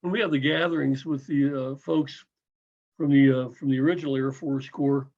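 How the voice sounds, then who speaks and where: Lively man in his seventies, muffled. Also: medium pitch, moderate pace. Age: 70s. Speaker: drum corps member. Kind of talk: casual video call chat. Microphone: video call. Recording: dull lo-fi call audio.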